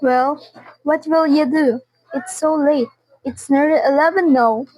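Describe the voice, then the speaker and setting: Girl acting out a high-pitched, fretful bedridden wife. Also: steady tone, a little slow, a little mellow, dry recording, poor audio. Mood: demanding. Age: teenager. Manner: fretful, insistent, stammering. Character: anxious, demanding, self-pitying bedridden wife. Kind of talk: radio suspense drama acting.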